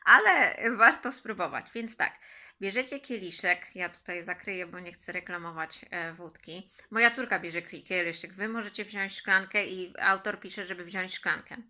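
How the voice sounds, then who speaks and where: A middle-aged woman talks informally to her viewers. Her voice is bright and clear-cut in tone, at an ordinary female pitch. She explains things in a casual, slightly halting way. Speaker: vlogger sharing a home health tip.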